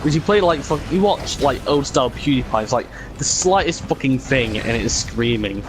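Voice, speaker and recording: A man's voice: medium pitch, expressive, moderate pace, noisy background. A man chatting casually and rambling as he plays a video game, swearing freely and slipping into mock imitations of others. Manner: sweary, frequently mimics others mockingly. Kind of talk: casual rambling chat while gaming. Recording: music behind the voice. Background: music.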